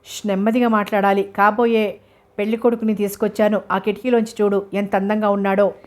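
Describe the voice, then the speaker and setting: A bustling elder brother gives quick instructions as he hurries to arrange a match, voiced by a woman reading a novel aloud. The pitch stays even and flat throughout. There is little change from the reader's own voice. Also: close to an everyday voice. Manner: hasty and bustling.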